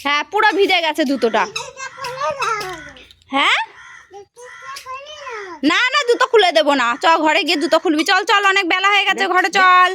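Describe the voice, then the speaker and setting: A woman's voice: very high voice, expressive, normal speed, pauses often, noisy background. A mother calling to her toddler in coaxing baby talk, repeating short sing-song calls.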